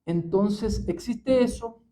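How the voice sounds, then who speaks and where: A history professor giving a public talk, unhurried and full of pauses and fillers. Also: male voice, sits high, warm tone, rough recording. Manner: measured, many pauses and fillers.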